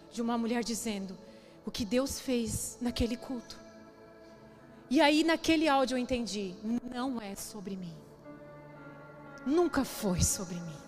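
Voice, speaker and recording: A woman pastor with a Brazilian Portuguese accent preaches to a women's church gathering, emotional and conversational, putting questions to the audience. Her voice is fairly high, her speed normal, and she pauses often. The church hall is echoey, with music in the background.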